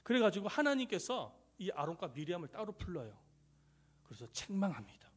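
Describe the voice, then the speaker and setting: A middle-aged male pastor preaching a sermon, swinging between loud rises and soft near-whispers, and acting out quoted voices. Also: high-pitched, big pitch swings, a little fast, breathy edge. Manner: acts out quoted voices in dialogue.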